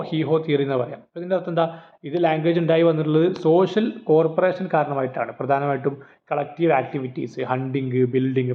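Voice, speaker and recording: Male lecturer, quick and slightly high, narrow phone-like sound, asks his class rhetorical questions. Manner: explains with rhetorical questions and everyday examples. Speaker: teacher. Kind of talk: exam-prep lecture.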